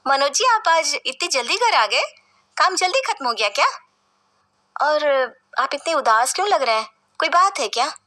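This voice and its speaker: Woman doing a sweet worried young wife, soft polite voice, high and bright. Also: very animated, normal speed, heavily acted. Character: gentle, caring young wife.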